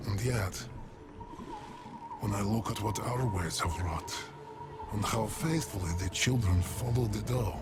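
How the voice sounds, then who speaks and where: A man with a fairly low voice acts as an ancient forest elder twisted by plague, speaking a dramatic lore monologue for a video game. His tone is wistful and doubting, grave, weary and mournful, with breathy archaic phrasing, long pauses and a slide toward whispers. Loud music sits beneath him.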